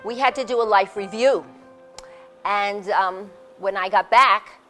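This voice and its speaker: A woman in her sixties telling her story in a casual, animated way, laughing often and acting out what people said. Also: mid-range voice, unhurried, soft background music. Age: 60s. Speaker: speaker sharing her experience. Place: community center hall.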